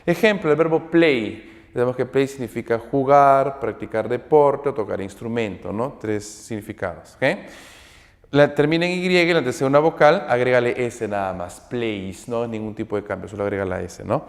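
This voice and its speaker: Male language teacher, mid-pitched, patient and repetitive, frequent check-ins, reverberant room sound. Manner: explains patiently, repeats, checks in with "¿ok?" and "¿no?"; spells out English words slowly, then translates. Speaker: English teacher. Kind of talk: recorded grammar lesson.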